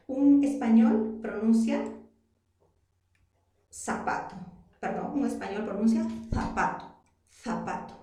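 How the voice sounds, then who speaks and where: Recorded far from the mic in a very echoey room, this Peruvian woman from Arequipa teaches a lesson patiently, asking her class rhetorical questions. Her accented voice sits on the high side with a dark tone.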